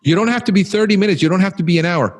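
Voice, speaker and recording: A man's voice: sits high, racing. A man who hosts a podcast, talking casually in an emphatic, encouraging, talkative way. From Cuban background. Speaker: podcast host.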